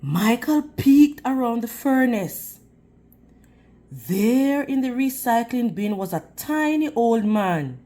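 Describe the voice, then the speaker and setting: Reading slowly from a picture book, a woman addresses young children with an animated, rising-and-falling voice. She sounds like a teacher, putting questions to her listeners as the story goes on.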